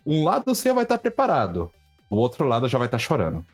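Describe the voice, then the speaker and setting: An enthusiastic man with a Brazilian Portuguese accent in casual podcast talk. His voice sits at a medium pitch, with faint music behind him. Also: huge pitch swings, brisk, slightly rough. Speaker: podcast participant. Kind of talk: casual, personal game discussion.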